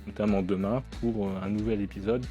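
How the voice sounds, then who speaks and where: A man's voice: on the low side, steady tone, fairly quick, warm tone, soft background music. A man chatting casually about comic books in a rambling way, with many fillers. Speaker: comic book reviewer. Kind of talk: casual review vlog.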